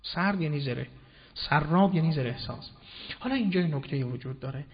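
A man's voice: fairly high pitch, lively intonation, husky. Man lecturing in a reverberant hall. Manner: formal, explanatory, quotes Arabic verses. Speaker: religious lecturer. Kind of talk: religious lecture on Quranic wording. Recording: dull lo-fi recording with long hall reverb.

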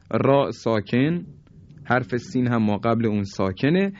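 Guy teaching quran recitation rules, says the example words slow again and again, dry kinda dull audio. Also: fairly low pitch, darkish tone, no room sound. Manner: drawn-out, repeated chanting of example words between quick explanations. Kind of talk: explaining pronunciation rules. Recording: dry, slightly dull recording.

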